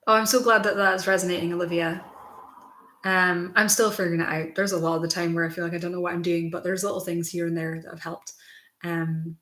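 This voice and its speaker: A woman's voice: lowish voice, level tone, fairly quick, fairly bright tone. A young woman chatting casually with her viewers on a livestream, rambling with lots of fillers. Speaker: livestream host. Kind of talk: casual chat. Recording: roomy echo.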